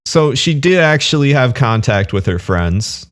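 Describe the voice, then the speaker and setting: An online commentator reacts casually to a video, arguing his points in a dismissive way and circling back with fillers. His voice is medium-pitched and sing-song, and he takes his time.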